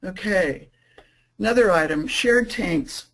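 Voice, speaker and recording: A woman presenting a software webinar, explaining features casually with frequent fillers and restarts. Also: mid-range voice, lively intonation, poor audio. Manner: says she is talking too fast. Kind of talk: screen-share product demo.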